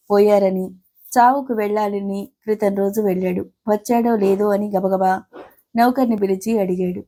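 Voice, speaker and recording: A woman's voice: mid-range voice, warm tone. A middle-aged woman reading a family story aloud, voicing the characters' lines in her own voice. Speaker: story narrator. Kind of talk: scripted storytelling narration.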